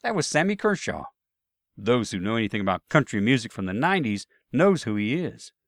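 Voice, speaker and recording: A man recounts his travel mishaps with dry, self-deprecating humor, at an ordinary pitch for a man. He speaks close to the mic in a dead, dry room with no echo. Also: sing-song, fairly quick. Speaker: storyteller. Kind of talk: first-person anecdote narration.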